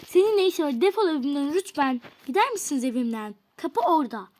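Speaking fast with big swings in her high, slightly mellow voice, a woman acts out a furious teenage girlfriend in a doll role-play. Hurt and scornful, the girl berates her boyfriend and sighs in exasperation.

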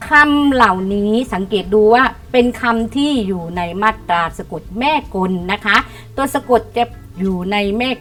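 A middle-aged woman teaches primary pupils in an online lesson, her voice a little high. She coaxes them gently and spells out each word slowly so they can say it back. Faint music plays under her voice. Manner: warm coaxing teacher talk, reads words aloud slowly for pupils to repeat.

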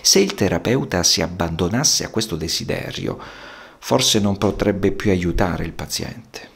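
A man with a very low voice and a gravelly, creaky texture talks about therapy in an unhurried, reflective way. His phrasing is measured and almost poetic, as he lets each thought settle before the next. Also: lively intonation, a bit bright. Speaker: psychotherapist. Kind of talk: slow reflective monologue.

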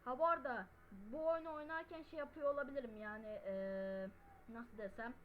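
A woman yelling and swearing her way through gameplay commentary. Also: on the high side, brisk, phone-quality sound, slight background noise. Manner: loud, yelling and cursing. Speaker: gamer. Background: game music.

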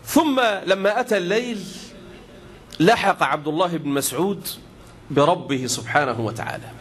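Egyptian preacher acting out dialogue. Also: male voice, expressive, moderate pace. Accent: Egyptian Arabic. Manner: acts out dialogue, rising high for questions and dropping low for replies. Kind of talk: sermon storytelling.

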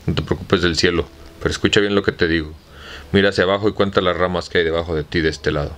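A man with a Mexican accent reading the part of an excitable, obsessed gentleman in an audiobook, in a slow, plain way. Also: low voice. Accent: Mexican Spanish.

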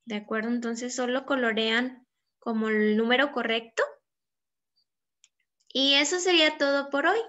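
A woman teaching children English in a recorded lesson, explaining patiently and reading English phrases very slowly. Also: fairly high pitch, sharp tone, lo-fi sound. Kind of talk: recorded online class.

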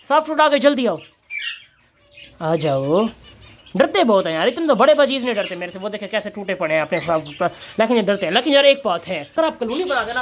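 A man's voice: sits high, bright, forceful tone, slight background noise. A young man chatting casually as he feeds his birds and rabbits, coaxing the animals between remarks. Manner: chatty, calls and coaxes animals while feeding. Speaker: vlogger and bird keeper. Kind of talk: casual farm vlog narration.

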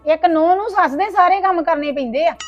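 A woman playing a high-voiced bossy mother-in-law. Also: a little fast, muffled recording, soft background music. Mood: scolding. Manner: scolding, tearful complaining. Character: bossy scolding mother-in-law, later softens. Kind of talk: family skit acting.

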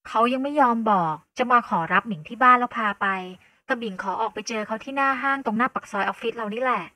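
A woman's voice: fairly high pitch, fast talker, bright, forceful tone, no room sound, voice pushed up. A woman voicing a blunt young office worker who brushes off questions dismissively.

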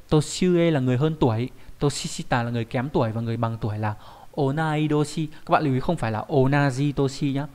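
A man's voice: mid-range voice, a little mellow. A young adult man teaching a Japanese vocabulary lesson, explaining patiently and often checking in with rhetorical tag questions.

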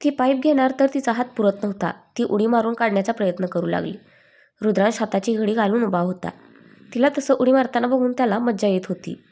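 A woman storyteller narrating a romantic story in a steady, expressive reading. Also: on the high side, fairly quick.

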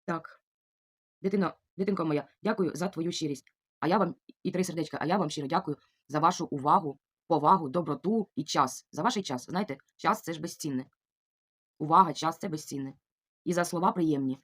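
A middle-aged Ukrainian woman with a low, brisk, slightly rough voice chats casually in a vlog. She reads out viewer comments and warmly thanks each commenter again and again.

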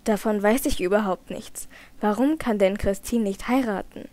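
A woman's voice: mid-range voice, moderate pace, darkish tone, lightly acted. A woman voicing an anxious young nobleman in an audiobook, asking urgent, distressed questions. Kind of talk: audiobook character reading.

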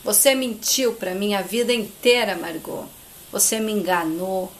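A woman's voice: mid-range voice, unhurried, voice pushed down, close to an everyday voice. A woman voicing a bitter grown son who coldly accuses his mother. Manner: cold, accusing, repeats her name.

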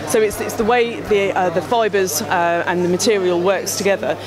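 A woman in her thirties speaks at a medium pitch and normal speed with fairly even intonation. Representing her company at a trade show, she explains products into a handheld mic the interviewer holds, filling her speech with fillers and restarts as crowds chatter in the background.

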